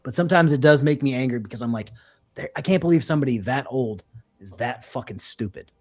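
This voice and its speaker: A man's voice: mid-range voice, animated, quick pace. A man streaming a reaction to a clip, mocking and swearing freely in casual commentary.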